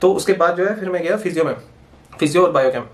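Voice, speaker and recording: A man, telling a casual story full of slang and swearing. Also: high-pitched. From Punjab, India. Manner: rapid, slangy, swears freely. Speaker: vlogger, medical student.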